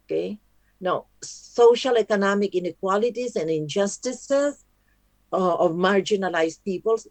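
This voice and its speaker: An older woman giving a webinar lecture with slow, deliberate phrasing and frequent pauses, her voice worn and hoarse. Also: lowish voice, warm tone, no echo. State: losing her voice, coughing. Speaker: webinar speaker on curriculum. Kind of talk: online lecture and Q&A. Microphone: video call.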